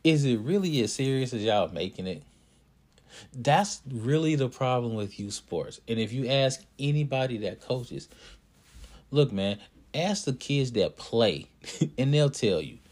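A man who hosts a podcast and coaches youth basketball, telling a story in a casual, animated way and speaking straight to his listeners. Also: medium pitch, unhurried. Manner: animated, talks to listeners directly.

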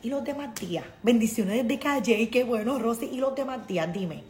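A woman's voice: a little high, expressive, a little fast, darkish tone, reverberant, faint music behind. A woman with a Puerto Rican accent hosting a casual live stream, talking emphatically and reading out viewer comments. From Puerto Rico. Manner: emphatic, preachy, motivational.

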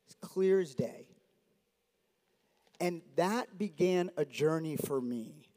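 A man's voice: a little high, slow. A man from South Florida in his forties gives an earnest testimony to a church, with touches of humor. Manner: earnest, warm, with light humor. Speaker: church member giving testimony. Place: church hall. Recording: long reverb of a church hall.

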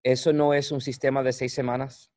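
Preacher, dry close sound. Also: male voice, mid-range voice, flat delivery, a little mellow, no echo. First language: English. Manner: halting, searching for words, repeating for emphasis. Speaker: pastor, guest. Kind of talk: conversational preaching on scripture.

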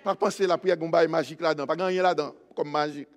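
A Haitian-accented man preaching in a church, his voice sitting high and bursting into shouts before dropping to low, quiet asides. He slides between Creole, French and English phrases. A long reverb trails every word. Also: fairly even intonation, rapid-fire. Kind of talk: sermon.

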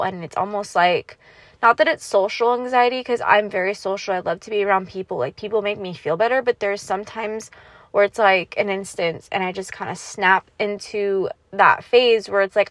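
A woman's voice: medium pitch, a bit bright, no room sound. Blunt, swearing young woman podcaster. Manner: blunt, heavy swearing, lots of fillers; raw, vulnerable, holding back tears. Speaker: podcast host. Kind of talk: candid solo podcast monologue.

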